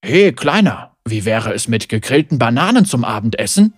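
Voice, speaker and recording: A kind, weary middle-aged shopkeeper with a gentle voice, put on by a narrator. He speaks softly and without hurry. The sound is dry and close. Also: medium pitch, sing-song, normal speed, slightly rough, no echo, faint music behind, voice pushed down.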